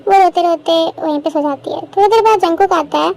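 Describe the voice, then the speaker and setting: A woman narrating a fan-made story in a very high voice. She keeps a plain storytelling tone and drops English words into her lines. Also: brisk, darkish tone, slight background noise.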